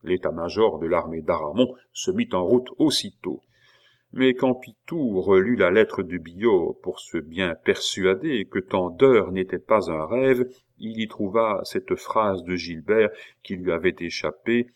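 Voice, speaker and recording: A man reading a classic novel aloud as narrator, in a steady, measured storytelling manner. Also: low-pitched. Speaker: audiobook narrator.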